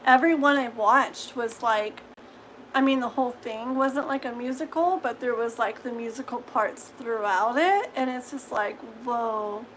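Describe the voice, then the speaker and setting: A woman with a high, light voice gives a tarot reading on a live stream. She talks in a chatty, reassuring way, checking in with "okay?" after each point and laughing easily. A faint room hiss sits under her voice. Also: unhurried, a bit bright, rough recording. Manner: chatty, reassuring, full of "okay?" tags and giggles. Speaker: tarot reader.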